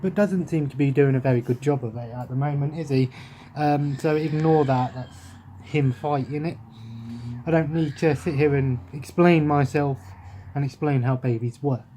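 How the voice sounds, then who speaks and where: A young man with an English accent, a gaming vlogger, talks to his webcam at close range from a sofa in his living room. His dark-toned voice is on the high side and moves at a moderate pace as he rambles absent-mindedly and restarts often. A little hiss or hum is audible.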